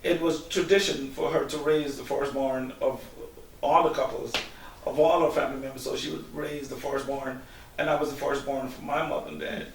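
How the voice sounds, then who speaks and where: A man's voice: mid-range voice, fairly even intonation, moderate pace. A middle-aged man from Guyana, a guest answering interview questions in a hesitant way, with many ums and restarts. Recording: echoey room, distant mic, faint hiss.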